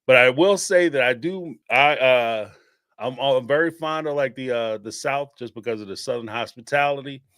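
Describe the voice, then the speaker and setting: Medium-pitched and clean in tone, he talks at normal speed with no room sound. This Philadelphia-accented Northeastern US man hosts a live-stream call-in show, keeping things casual, animated and rambling, often laughing and using many fillers.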